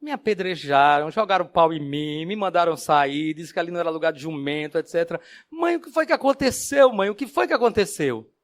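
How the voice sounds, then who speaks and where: An eager little donkey foal from a told fable, put on by a man. His voice jumps high and swoops all over as he rushes to tell his mother everything. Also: lively intonation, close to an everyday voice. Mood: distressed. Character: excited young male donkey foal.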